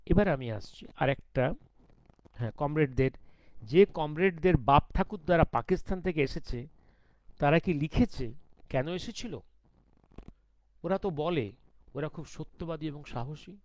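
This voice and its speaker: A man giving a commentary monologue, talking slowly because of a sore throat, firing off pointed rhetorical questions. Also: fairly high pitch, expressive, darkish tone, dry recording. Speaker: political commentator.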